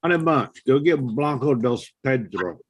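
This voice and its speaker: A man's voice: medium pitch, animated, measured pace, slightly rough. A man in his sixties chatting casually, with folksy wisecracks. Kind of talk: casual chat.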